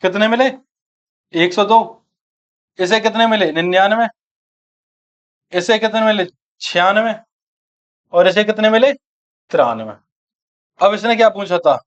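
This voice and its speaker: A man with a high voice leads an exam-prep maths class. He works through each calculation aloud, quizzing the students and answering himself, and calls them friends and brothers. The sound is dull and muffled. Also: a little slow, pauses often. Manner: talks through calculations aloud, asking and answering his own questions. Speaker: maths teacher.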